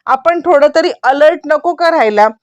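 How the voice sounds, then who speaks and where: A woman's voice: high voice, lively intonation, normal speed, no room sound, dull audio. A woman voicing an anxious, scolding young mother in a serial recap. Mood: worried. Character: worried protective young mother.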